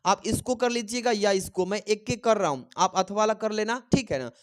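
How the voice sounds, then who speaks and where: A man's voice: high voice, brisk. Man tutoring students for an exam. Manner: asks a question then answers it himself, calls students "friend"; repeats key answers for dictation. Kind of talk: exam-prep teaching.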